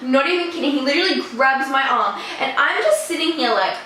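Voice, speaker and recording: A teenage girl telling a casual storytime vlog in a chatty, animated way, swearing now and then. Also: high voice, fairly quick. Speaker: vlogger. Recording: echoey room.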